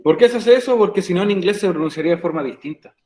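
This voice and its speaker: A man's voice: sits high, lively intonation, rapid-fire, darkish tone, echoey room, low-quality recording. A man teaching an English grammar rule in a virtual class, patiently repeating each step for his students. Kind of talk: virtual class explanation in Spanish. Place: room, recorded for an online class.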